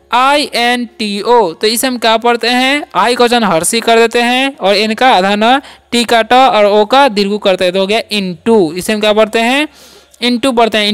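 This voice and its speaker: A man's voice: extremely high pitch, a bit bright, clear, resonant tone. Male English teacher. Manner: repeats questions to students and answers them. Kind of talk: classroom-style language lesson.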